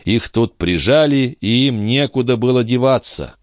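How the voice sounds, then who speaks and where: A man's voice: medium pitch, lively intonation, moderate pace, dry recording, studio quality, pitched above the performer's own voice, close to an everyday voice. A man voicing a frantic, pleading old man. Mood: anxious. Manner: pleading, cries out. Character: frantic old man searching for his boy.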